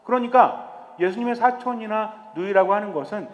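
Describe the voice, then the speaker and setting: Lively high-voiced priest in a reverberant hall. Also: male voice, moderate pace. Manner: lively, asks the audience questions. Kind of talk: retreat talk.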